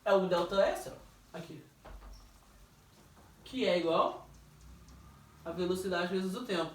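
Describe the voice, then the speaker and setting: Guy teaching physics, jokey and chatty, quizzing a student, sounds far off in a boomy room with faint noise. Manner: jokey, questioning, drawn-out stressed words. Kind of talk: informal classroom review. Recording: echoey room, distant mic.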